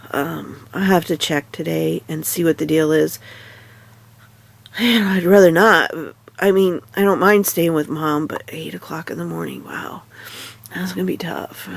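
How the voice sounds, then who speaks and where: A tired woman with a stuffy nose, half awake and chatting casually in a rambling, halting way. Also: low-pitched, gravelly. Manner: rambling, halting, many fillers and restarts. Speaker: vlogger. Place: in bed at home.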